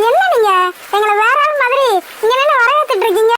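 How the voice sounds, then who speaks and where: A woman doing high chirpy cartoon girl. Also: fast, background noise. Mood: teasing. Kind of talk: cartoon voice acting.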